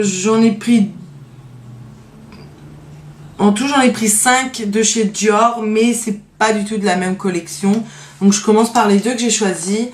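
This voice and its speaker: A woman's voice: medium pitch, darkish tone, echoey room. A woman beauty vlogger casually showing her favorite nail polishes, hesitant with lots of fillers but enthusiastic about her favorites. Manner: hesitant, many fillers and trailing "donc voilà". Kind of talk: casual show-and-tell vlog.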